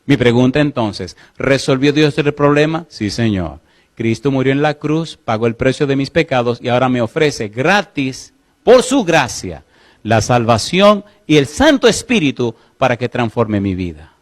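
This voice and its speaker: A man preaching a sermon as pastor, asking the congregation questions and slowing to read scripture aloud. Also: mid-range voice, big pitch swings.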